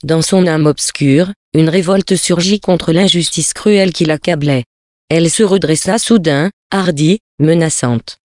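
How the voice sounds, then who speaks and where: A reader narrating a literary tale with measured, expressive phrasing. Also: medium pitch, dry recording, clean studio sound.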